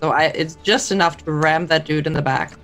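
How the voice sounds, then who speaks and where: A woman's voice: sits low, a little fast, fairly bright tone, faint music behind. A woman playing a tabletop game, casually explaining what the character does. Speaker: player in a tabletop RPG.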